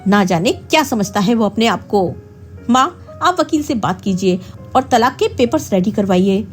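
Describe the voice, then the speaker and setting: A woman voicing a proud, stubborn young wife with a sharp, indignant way of speaking, telling a storybook tale. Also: on the high side, animated, normal speed, soft background music, natural voice. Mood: angry.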